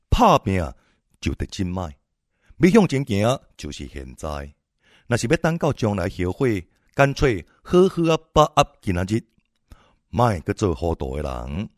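Man preacher, low, lively pitch, dry close sound, exhorting sermon delivery. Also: no echo. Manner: exhorting, swings between loud and soft.

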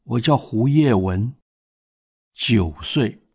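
A man voicing a frightened nine-year-old boy who answers quietly and tearfully, in slow storytelling speech. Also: mid-range voice, expressive, creaky, breathy edge, full character voice. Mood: sad.

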